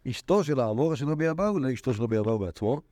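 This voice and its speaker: A man, a rabbi, teaching a Talmud class, animated and full of repeated words and fillers. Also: medium pitch. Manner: animated, acts out quoted sages in a raised voice. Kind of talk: lecture to a class.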